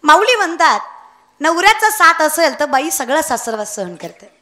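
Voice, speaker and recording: A woman's voice: sits high, very animated, moderate pace, pushed and bright. A young woman giving a comic devotional kirtan sermon, telling a story, breaking into sung verses and teasing the audience. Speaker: kirtan preacher.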